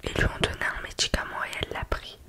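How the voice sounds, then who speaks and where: A woman telling a story in a soft, breathy library whisper, ASMR style, in an informal and hesitant conversational manner. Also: fast talker. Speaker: ASMR video creator.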